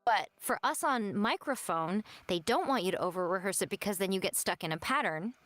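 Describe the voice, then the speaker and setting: A woman's voice: mid-range voice, expressive, a little fast, fairly bright tone. A young adult woman, a voice actress guest, telling work stories in casual stream chat and laughing often. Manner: chatty storyteller, laughs often.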